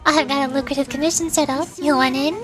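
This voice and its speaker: A woman reads video game dialogue aloud as a perky, scheming young cat girl mercenary, chatty and cajoling in a persuasive, upbeat mood. Her voice is high and fast, with fairly even intonation and close to an everyday voice. Loud game music plays behind her.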